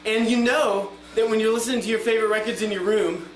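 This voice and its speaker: A man's voice: sits high, fairly even intonation, fast talker, a little hiss or hum. A man talking casually to the audience as a punk band singer between songs, rambling and swearing freely, in a live room recording through a PA. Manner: informal, profane, rambling. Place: small live music venue with PA. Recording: echoey live room recording, distant PA sound.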